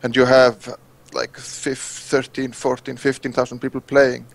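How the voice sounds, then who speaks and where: A man from Iceland, calling in to a show and speaking halting English as he searches for words. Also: medium pitch, monotone, creaky, rough recording. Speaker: caller. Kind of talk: casual phone-in chat.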